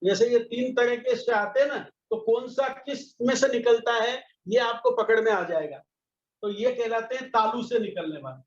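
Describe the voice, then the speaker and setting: A man teaching a patient pronunciation lesson, sounding out each syllable slowly. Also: extremely high pitch. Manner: slow, patient, demonstrates each sound aloud. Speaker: Sanskrit teacher. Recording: echoey, slightly dull recording.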